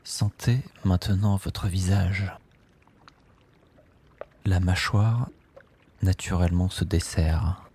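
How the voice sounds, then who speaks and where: A man leading a guided sleep meditation, speaking softly and calmly in drawn-out phrases with long pauses. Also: low voice, slight background noise. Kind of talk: slow guided relaxation script.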